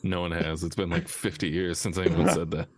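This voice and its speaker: A man's voice: low voice, level tone, fairly quick. A man co-hosting a podcast, bantering casually in a wry, teasing way. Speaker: podcast co-host.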